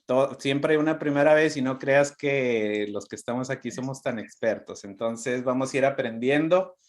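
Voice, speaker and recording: A man's voice: medium pitch, normal speed. A man from Mexico hosting a live-streamed interview, greeting viewers and prompting his guest in a friendly way. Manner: friendly, warm welcomes, restarts often. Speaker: interview host.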